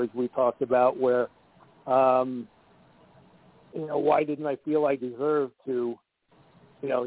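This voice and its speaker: A man speaking candidly on a conference call line that keeps cutting out, halting and restarting his words. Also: mid-range voice. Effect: conference call line that keeps breaking up. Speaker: guest. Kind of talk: candid personal talk. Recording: tinny phone line.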